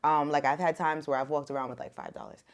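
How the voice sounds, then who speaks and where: She talks fast in a voice that sits low, a young Ethiopian-born, American-raised woman appearing as a podcast guest. The conversation about being a mother is casual and relaxed, scattered with "like" and "um."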